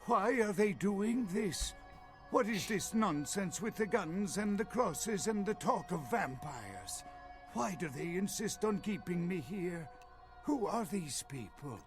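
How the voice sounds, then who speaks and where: An agitated archaeologist held captive in a video game, indignant at first and pedantic once he starts explaining. The voice sits a bit high for a man, and soft game music plays underneath. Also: expressive, slow. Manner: indignant, then lecturing and scholarly. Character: anxious middle-aged male archaeologist held captive.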